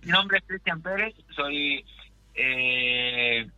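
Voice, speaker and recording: Older male pastor from Chile, radio interview guest, fairly high bright voice, devout and rambling. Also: animated, very slow, low-quality recording. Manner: rambling, self-correcting, devout.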